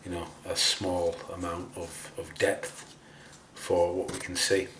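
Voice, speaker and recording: Low-voiced man in a roomy, distant recording. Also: flat delivery, takes it slowly. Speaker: host of a scale model painting tutorial. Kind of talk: casual hands-on tutorial talk. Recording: roomy, distant mic, faint noise.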